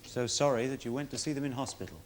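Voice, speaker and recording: An actor playing a barrister who cross-examines a witness with pointed questions in a 1970s television courtroom drama. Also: male voice, mid-range voice, steady tone, fast, slight background noise, lightly acted. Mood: probing.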